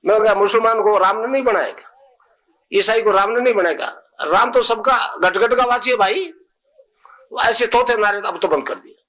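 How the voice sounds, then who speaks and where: A man's voice: high voice, bright, forceful tone, rough recording. A man giving a sermon as a spiritual guru, repeating phrases for emphasis and asking rhetorical questions. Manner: slowly chants and spells out mantra syllables. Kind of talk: sermon to a gathering.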